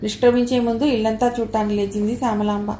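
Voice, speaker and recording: A woman reading a novel aloud as an audiobook narrator, with a steady storytelling manner. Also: on the high side, fast. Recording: echoey room with faint noise.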